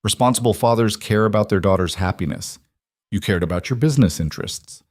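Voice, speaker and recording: A man's voice: fairly low pitch, fairly quick, no room sound, studio quality, lightly acted. A man voicing a determined, educated young woman who speaks steadily and formally. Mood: steady. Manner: steady and formal, holding herself together. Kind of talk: audiobook character voice.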